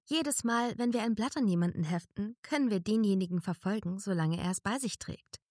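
A woman voicing a tiny young female fairy-like creature who is brave and close to tears, in a high, eager little voice. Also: fairly quick, darkish tone, no echo, lightly acted. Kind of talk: audiobook character voice.

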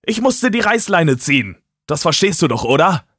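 Guy doing a defensive young dude in an audiobook, pleading, husky and animated. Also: on the high side, normal speed, no room sound, studio quality, voice pushed up, full character voice. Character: young man, angry friend who lied.

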